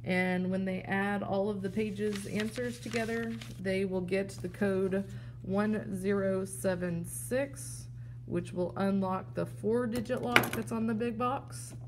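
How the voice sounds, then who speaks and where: A woman's voice: medium pitch, slow pace, slight background noise. A woman teacher giving a plain, step-by-step walkthrough of a classroom game, showing the props as she talks. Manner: plain explanatory, steady step-by-step.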